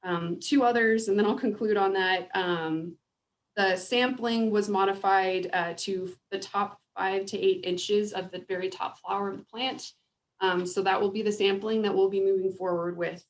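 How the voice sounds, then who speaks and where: A woman presenting a program update to a board over a video call, measured and pausing often with ums. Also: medium pitch, fairly even intonation. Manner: measured, with frequent ums and restarts. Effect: heard over a video call. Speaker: state agriculture program staff. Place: remote, joining a video conference.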